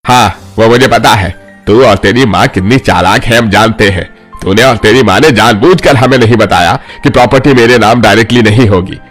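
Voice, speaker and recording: A man voicing a greedy, abusive middle-aged father in an animated family drama, harsh and threatening. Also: lowish voice, moderate pace, breathy edge, soft background music.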